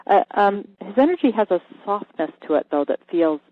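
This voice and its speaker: A radio host giving an energy healing reading to a caller, calm and halting, sometimes dropping to a whisper while checking. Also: medium pitch, dry recording. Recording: thin phone-like line, dry.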